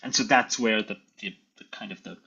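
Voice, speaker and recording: A tenor from Sri Lanka, speaking in a casual conversation, thoughtful and hesitant with many restarts. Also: male voice, lowish voice, a little fast, creaky, sharp tone, breathy edge, dull audio. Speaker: guest tenor.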